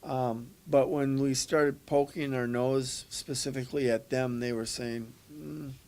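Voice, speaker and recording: A man's voice: mid-range voice, little pitch movement, a little slow, a little mellow, smooth. A man, a paranormal investigator, answering interview questions in a matter-of-fact way.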